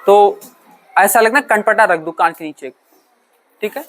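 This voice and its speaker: A man's voice: sits high, measured pace, a bit bright, soft background music. A male teacher lecturing a classroom, asking questions, answering them himself, mixing in English terms and often checking whether the students understand. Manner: mixes English terms into his talk.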